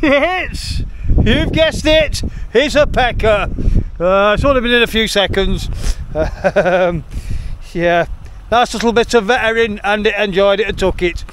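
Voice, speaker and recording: A man with a high, fairly bright voice chats to viewers at a measured pace in a jokey, slangy fishing vlog. He's out on a sea breakwater at night, and the waterside recording is noisy.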